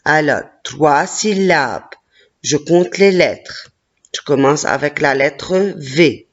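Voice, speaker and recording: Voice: mid-range voice, slow, highs cut off. A teacher giving a children's reading lesson, sounding out each word syllable by syllable, counting the letters aloud and praising often. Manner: encouraging, frequent praise.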